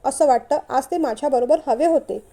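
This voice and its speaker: A woman's voice: high-pitched, brisk, dark tone. A woman voicing a timid, tearful young wife who speaks hesitantly in a storybook reading.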